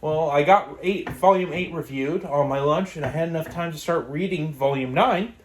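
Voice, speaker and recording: Higher-pitched man chatting casually on a treadmill. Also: normal speed. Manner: talking while exercising on a treadmill. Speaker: host of a book and comics review vlog. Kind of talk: casual rambling solo talk.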